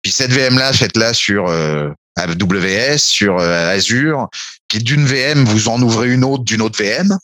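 A man's voice: on the low side, unhurried, a bit bright, no echo. A man giving a casual spoken explanation as a tech speaker, hesitating often with fillers and restarts and dropping informal asides.

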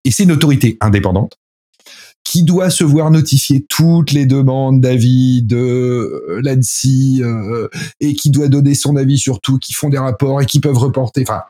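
A man's voice: medium pitch, dark tone. A man giving casual, ironic commentary, breaking off into mocking parody voices. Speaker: commentator explaining a new law.

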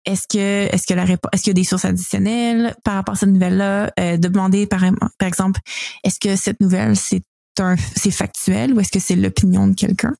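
A woman's voice: mid-range voice, level tone, brisk, creaky, mellow, no room sound. A woman with a Quebec French accent hosting a casual news discussion, informally mixing English words into her French. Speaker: podcast host; teacher.

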